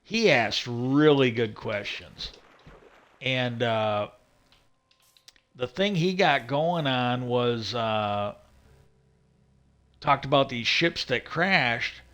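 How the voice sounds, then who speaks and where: A man's voice: medium pitch, lively intonation, extremely slow, long pauses, fairly bright tone. A man hosting a livestream, talking casually and rambling about a topic with many restarts and asides while he plays. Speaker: livestream host.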